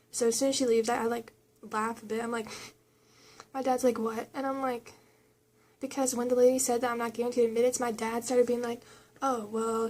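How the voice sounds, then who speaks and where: A woman's voice: on the high side, a little mellow. A young woman telling a personal story in a casual storytime vlog, chatty and full of fillers as she quotes others. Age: young adult. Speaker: vlogger.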